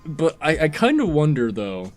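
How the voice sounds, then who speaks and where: A man's voice: a little high, wildly swooping pitch, faint music behind. A man co-hosting a casual film review chat, joking around and swearing freely. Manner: casual, swears freely, quick jokey asides.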